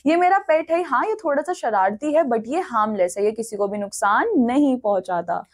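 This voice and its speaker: A woman's voice: fairly high pitch, lively intonation, moderate pace, a little mellow. A woman doing a breezy crocodile-owning lady. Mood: reassuring. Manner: reassuring, breezy. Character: cheerful lady, owner of a pet crocodile.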